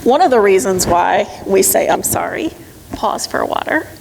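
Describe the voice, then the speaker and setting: A woman's voice: mid-range voice, animated, moderate pace, creaky. Emphatic woman speaker in a reverberant hall. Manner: emphatic, direct and coaching. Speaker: motivational speaker. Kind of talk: live talk to an audience. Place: conference room with audience. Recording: long hall reverb, faint noise.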